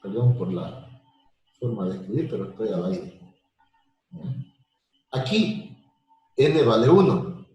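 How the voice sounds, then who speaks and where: Slow-speaking male math teacher, echoey room. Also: on the low side, big pitch swings, darkish tone. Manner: slow, repetitive explanations with everyday examples. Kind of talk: live online lecture.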